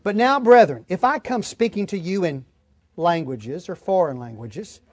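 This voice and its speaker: A high-pitched man with lively intonation preaches a verse-by-verse Bible lesson at a normal pace, reading and explaining each passage. His style is emphatic, folksy, and plain-spoken, captured in studio quality with no room sound.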